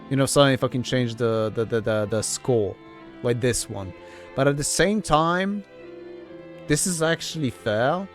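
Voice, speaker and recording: A man talks through a game he is playing in a casual way. His delivery is slow and halting with repeated words and free swearing, and music plays faintly behind him. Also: medium pitch. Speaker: gamer narrating own playthrough.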